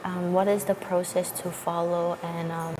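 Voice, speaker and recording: A woman hosts a morning show interview with halting, hesitant questions. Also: fairly low pitch, little pitch movement. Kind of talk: interview hosting. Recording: noisy room with clear background ambience.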